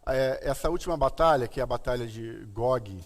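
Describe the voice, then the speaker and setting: Talking a little fast at a medium pitch, a Brazilian man leads an informal Bible lesson as the pastor hosting a live stream. His lisp, caused by a tied tongue, makes his s sounds slushy. He keeps explaining and asking "né" to check understanding, all inside long hall-like reverb.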